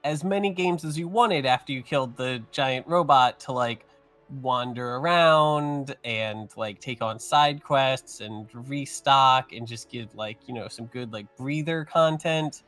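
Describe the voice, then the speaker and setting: A man's voice: medium pitch, measured pace, fairly bright tone, soft background music. A man running an online tabletop game, chatting casually with his players and filling his talk with "like" and "um". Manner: rambling, fills speech with "like" and "um". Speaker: game master. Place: online voice chat.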